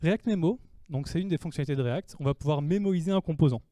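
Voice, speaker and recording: A man's voice: a little high, fast talker, dark tone, no room sound. A man giving a technical talk at a developer meetup, explaining code step by step and answering his own questions. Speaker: conference speaker. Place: meetup room before an audience.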